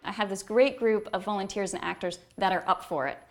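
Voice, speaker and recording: A woman's voice: mid-range voice, brisk. A woman giving an informal interview as a tour director, conversational and enthusiastic.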